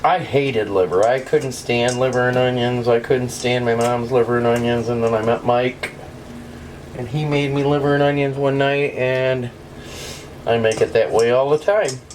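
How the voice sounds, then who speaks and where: A home cook hosts a casual cooking show from her own kitchen, chatting warmly to viewers even though she's losing her voice. Her voice is rumbling low and darkish, with fairly even intonation and a moderate pace. The low-quality recording carries a little hiss or hum, plus a sizzling pan and kitchen sounds behind her.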